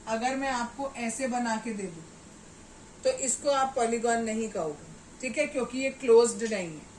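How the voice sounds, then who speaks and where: A woman's voice: on the high side, moderate pace, darkish tone, recorded from a distance. A woman maths teacher explains a lesson step by step, mixing English terms into her explanations and checking often that her students follow. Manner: patient, explains step by step, often asks "ठीक है" to check understanding. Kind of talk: classroom maths lesson at a board. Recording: roomy echo, voice away from the mic, faint background noise.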